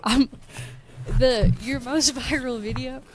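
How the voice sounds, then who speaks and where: A woman's voice: high voice, steady tone, noisy background. Woman co-hosting a podcast, casual. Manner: quick to agree, lots of short back-channel replies. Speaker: podcast co-host. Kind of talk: casual chat.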